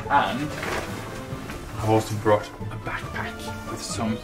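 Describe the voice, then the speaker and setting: A man's voice: lowish voice, steady tone, slow, over music. A young man from Norway with a Norwegian accent, chatting playfully in a casual vlog, in a cabin and out in the snowy mountains. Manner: playful, laughs often, chatty. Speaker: vlogger. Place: wooden cabin indoors, then snowy mountains outdoors.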